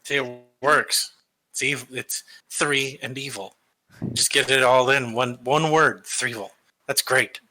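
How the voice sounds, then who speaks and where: A man playing an excitable, simple-minded supervillain with childlike enthusiasm in a tabletop game. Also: mid-range voice, slow pace, low-quality recording. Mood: pleased, playful. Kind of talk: tabletop role-play banter.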